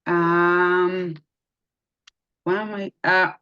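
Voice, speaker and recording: A middle-aged woman from Israel introducing herself in an online class over a video call, measured and calm. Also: lowish voice, clean tone. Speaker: student teacher. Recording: dull lo-fi call audio.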